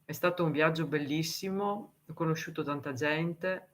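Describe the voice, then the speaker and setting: A woman from Italy chatting casually on a live stream, reading viewer comments, answering them and laughing often. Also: low-pitched. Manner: deliberately slow, careful speech for foreign viewers.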